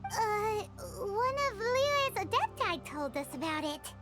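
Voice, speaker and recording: A woman voicing a tiny, excitable female fairy companion in a game, bossy and animated. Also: very high-pitched, takes it slowly, full character voice. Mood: curious. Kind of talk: game voice acting. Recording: game audio with loud music.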